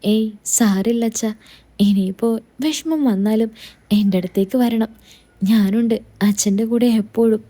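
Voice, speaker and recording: A caring young daughter-in-law, affectionate and soothing, as a woman voices her in a told story. Her voice sits fairly high and mellow, coaxing and reassuring. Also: measured pace, long pauses.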